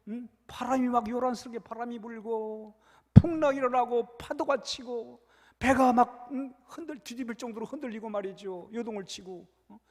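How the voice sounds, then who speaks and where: A male pastor delivers a sermon with animated storytelling, piling up repeated phrases and turning to the congregation with questions. His voice sits high for a man, and it rings through a church sanctuary with a long reverb tail. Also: husky. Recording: echoey church hall.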